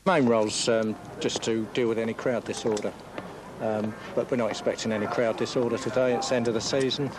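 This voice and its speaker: A man's voice: medium pitch, fairly even intonation, brisk, background noise. A man working as a mounted police officer, explaining his duties in an interview.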